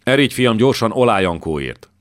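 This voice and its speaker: A male narrator voicing a brisk, practical army count with a blunt manner. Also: fairly low pitch, sing-song, voice pushed up. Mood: commanding.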